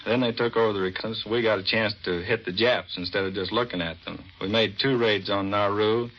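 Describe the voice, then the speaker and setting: An American navy commander takes part in a scripted 1940s radio interview, answering plainly and without fuss. His voice is on the low side with a steady tone, and he talks a little fast, all captured on a dull vintage recording.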